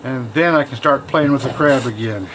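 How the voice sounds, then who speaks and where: A man's voice: mid-range voice, moderate pace, a bit bright, rough recording. A man giving a casual hands-on demonstration, thinking aloud informally as he works, with machine noise behind him. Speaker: fossil preparer showing own work. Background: machine hum.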